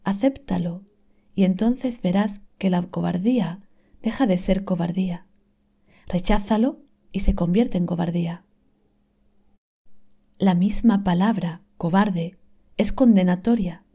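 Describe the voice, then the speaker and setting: A woman reading an inspirational text aloud in a calm, scripted manner, slowly and softly, sometimes dropping to a whisper. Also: lowish voice, husky. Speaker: reader of inspirational texts.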